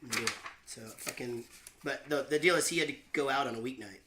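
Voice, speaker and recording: A man hosting his own show, chatting and telling rambling, self-mocking stories between songs with deadpan jokes. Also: mid-range voice, quick pace. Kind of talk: casual banter between songs. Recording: roomy echo with faint guitar.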